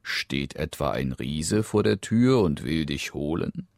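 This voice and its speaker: A man's voice: extremely low pitch, expressive, slow pace, gravelly, darkish tone, no room sound, clean studio sound, exaggerated voice. A man voicing an old fairy-tale king who speaks firmly and in a fatherly way. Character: old fatherly king, stern but kind.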